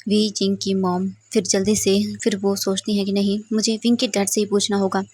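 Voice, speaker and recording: Breathy woman narrating a story. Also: mid-range voice, little pitch movement, moderate pace, a little mellow, dry recording. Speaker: fanfiction storyteller.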